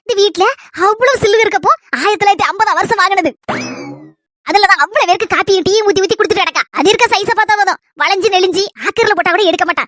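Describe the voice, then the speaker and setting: Cartoon mom, Kanyakumari Tamil, woman voicing: very high, bright, fast, endlessly scheming. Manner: rapid, gossipy complaining. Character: scheming, fretful middle-aged village mother.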